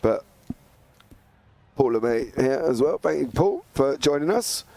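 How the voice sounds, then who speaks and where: A sim racing commentator, still hoarse and croaky after a recent flu, chats and calls live race action with excited play-by-play. His voice is mid-range and a little slow, with no room sound.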